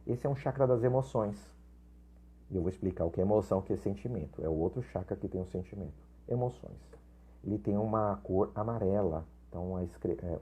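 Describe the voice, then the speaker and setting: A man's voice: on the low side, warm tone, breathy edge. A man giving an informal spiritual lesson, chatty, often checking in with his listeners and restarting his sentences. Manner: chatty, frequent tag questions and restarts. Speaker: spiritual teacher.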